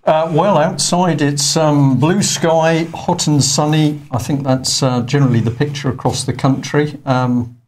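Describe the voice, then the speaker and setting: A man's voice: fairly high pitch, fairly even intonation, a little slow, a little mellow. A man presenting an online news show in a conversational, hesitant way with frequent fillers. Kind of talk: unscripted studio news talk.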